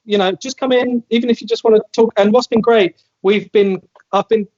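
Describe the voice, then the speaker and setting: Man, high voice, chatty band member, muffled lo-fi call. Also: fairly even intonation, brisk, a little mellow. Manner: chatty, filler-heavy. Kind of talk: casual video call interview.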